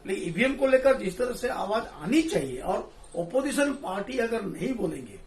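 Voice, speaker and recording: A man talking in a casual political discussion, animated and laughing, mixing in English phrases. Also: high-pitched, moderate pace. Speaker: discussion panelist. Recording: echoey room, distant mic.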